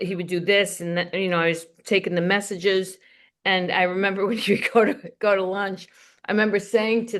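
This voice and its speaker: A woman's voice: medium pitch, fairly bright tone. Older woman comedian telling rambling stories. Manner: rambling, anecdotal, laughs while telling stories. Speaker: comedian guest. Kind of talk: candid interview storytelling.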